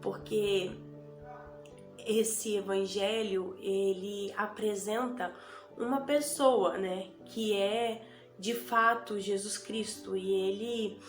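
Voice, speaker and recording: A Brazilian Portuguese vlogger gives an unscripted conversion testimony to the camera, hesitant, filler-heavy and repeating herself, while sniffling from a cold. Her mid-range voice is steady and slow. Recorded on camera and phone, the audio is reverberant with faint music behind.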